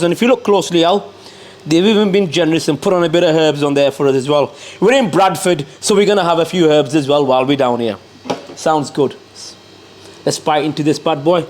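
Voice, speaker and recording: Higher-voiced man reviewing food. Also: a little mellow. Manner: repeats catchphrases and addresses the cameraman. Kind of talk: casual food review to camera. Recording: clear background noise.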